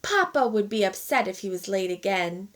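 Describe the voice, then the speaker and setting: A teacher reading a children's storybook aloud with expressive, animated narration. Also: female voice, mid-range voice, moderate pace.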